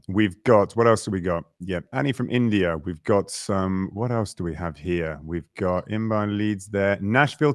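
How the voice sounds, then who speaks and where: A man with a very low voice hosts a live webinar. He talks over a video call in a dry, close sound, and he is lively and chatty as he greets viewers and runs through slides. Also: dry recording. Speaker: webinar host.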